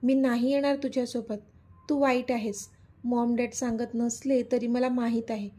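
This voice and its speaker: A woman's voice: a little high, level tone, moderate pace, mellow, close to an everyday voice. A woman voicing a frightened, defiant young girl in an audio story. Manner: tearful, defiant.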